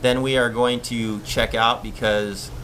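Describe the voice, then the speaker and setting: A man's voice: medium pitch, measured pace, slight background noise. A man from Hawaii, a surf coach hosting a casual live-stream Q&A and reading viewer questions aloud. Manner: relaxed, chatty, reads viewer questions aloud.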